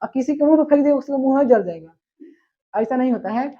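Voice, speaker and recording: High-voiced woman teaching a grammar lesson. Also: lively intonation, quick pace. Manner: repeats questions and answers them herself. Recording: dull lo-fi recording.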